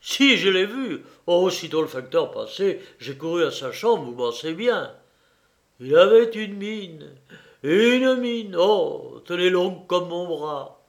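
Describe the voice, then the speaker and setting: A man voicing an excitable, boastful fencing master in an audiobook, loud and theatrical. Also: high-pitched, slow, heavily acted. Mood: mocking. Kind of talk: audiobook character voice.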